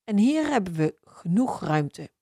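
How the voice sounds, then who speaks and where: A woman's voice: mid-range voice, big pitch swings, unhurried, mellow, husky, no echo, clean studio sound, heavily acted. A woman voicing a friendly, encouraging female schoolteacher in a children's story.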